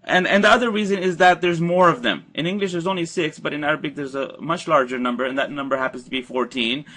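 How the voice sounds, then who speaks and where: A man's voice: on the high side, fast talker, sharp tone. Patient man teaching a grammar lesson. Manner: patient, explanatory, repeats points for emphasis. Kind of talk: recorded slide-presentation lecture.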